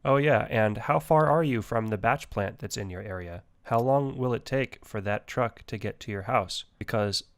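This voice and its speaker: A man narrating a do-it-yourself how-to as a voice-over, lecturing with wry, deadpan jokes. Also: fairly low pitch, normal speed, few pauses, no echo. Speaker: DIY homeowner. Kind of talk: explanatory voice-over.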